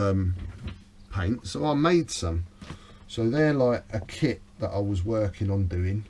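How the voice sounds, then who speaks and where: A man's voice: on the low side, a little mellow, a little hiss or hum. A man, a miniature model artist, chatting casually and proudly as he shows off his handmade pieces at home. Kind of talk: casual guided tour chat. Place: indoor hobby room at home.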